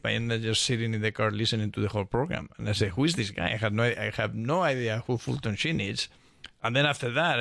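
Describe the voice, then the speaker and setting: Older Spanish-accented male radio guest, gravelly, halting, dry close sound. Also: medium pitch, a bit bright, dry recording. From Spain. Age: 60s. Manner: halting, searches for words, many restarts. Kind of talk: casual radio conversation.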